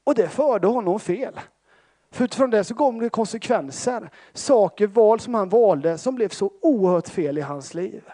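A man's voice: sits high, lively intonation, mellow. A Swedish man from Småland preaching a sermon as a pentecostal pastor, telling stories with self-deprecating humor and many fillers. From Sävsjö, Småland, Sweden.

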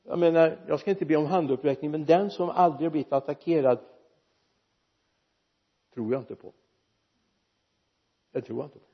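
A man preaching a sermon in a church, lively and joking with the congregation. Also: on the high side, pauses often, slightly rough, muffled recording. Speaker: pastor.

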